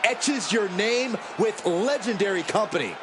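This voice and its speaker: A man's voice: high-pitched, animated, a little slow. A man performing as a dramatic commentator in a wrestling video game, describing the fight in florid terms. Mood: dramatic, intense. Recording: loud arena crowd and noise behind.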